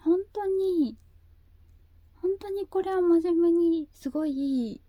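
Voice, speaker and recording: A woman talking casually and haltingly in a cutesy anime-girl voice, often repeating herself as she searches for words. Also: extremely high pitch, dry recording, muffled recording. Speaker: video host. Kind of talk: slow casual monologue.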